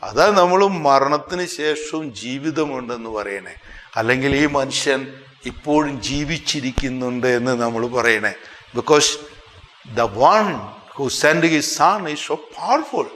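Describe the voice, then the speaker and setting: Male priest, Malayali accent, sermon, sudden rises and drops in loudness, long hall reverb. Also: slight background noise. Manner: expressive, with sudden swings in pitch and loudness; slows down sharply to stress phrases.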